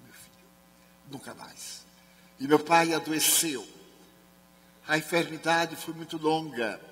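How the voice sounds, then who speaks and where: A Spiritist speaker and medium from Brazil, a man, telling a personal story at a seminar, acting out the dialogue and dropping to soft murmurs when quoting others. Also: mid-range voice. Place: large sports and culture hall. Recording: reverberant hall, faint hum.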